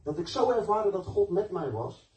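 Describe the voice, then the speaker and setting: Male preacher, conversational sermon with testimony, warm tone, roomy echo. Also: sits high, big pitch swings, moderate pace. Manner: storytelling, conversational and emphatic. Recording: echoey room, mic at a distance.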